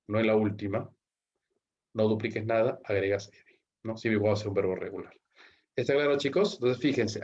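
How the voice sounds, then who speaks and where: A man's voice: fairly low pitch, a little mellow, highs cut off. A male English teacher giving an online class lecture, explaining rules step by step and checking in with frequent "¿ok?" after each point. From Peru.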